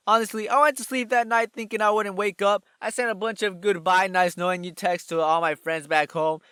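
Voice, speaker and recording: A young man telling a comic personal story in an animated, sarcastic way. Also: clear, resonant tone, no room sound, clean studio sound. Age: young adult. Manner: animated, sarcastic, jumps in pitch for emphasis. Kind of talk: comedic storytime narration.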